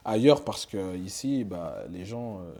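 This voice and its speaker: This young Swiss rapper, appearing as an interview guest, speaks casually and loosely with plenty of slang, fillers and restarts. His fairly low voice is warm and animated, delivered at a measured pace.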